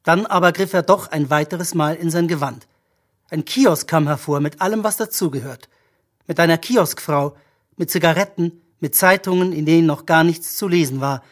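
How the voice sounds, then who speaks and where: A narrator reading a story for an audiobook in a measured, even-paced manner. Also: mid-range voice.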